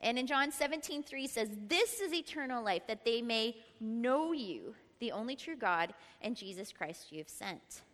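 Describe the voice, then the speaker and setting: Middle-aged woman Bible teacher, lively and chatty, slightly high, bright voice; ringing reverb of a large hall. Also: normal speed, hardly any pauses. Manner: lively, laughs often, prompts the group to repeat. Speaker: teacher at a church Bible study. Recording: long reverb in a large room.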